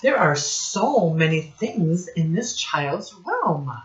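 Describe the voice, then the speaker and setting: Reading a picture book to young kids, a woman teacher with a lowish voice is very animated, speaking in deliberate, separated phrases and asking questions along the way. The lo-fi recording sounds dull and muffled.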